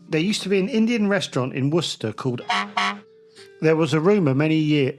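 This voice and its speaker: A man co-hosting a comedy podcast, teasing the others and reading a listener email between giggles. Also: fairly high pitch. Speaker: podcast co-host.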